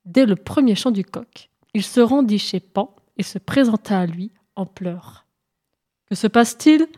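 A woman narrating an animal fable in a lively, expressive storytelling manner. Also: mid-range voice, unhurried, breathy edge.

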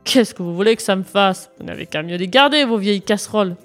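A woman voicing a rude, brutish giant of a man in hunting clothes, gruff and scornful, over faint music. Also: medium pitch, fast, lightly acted.

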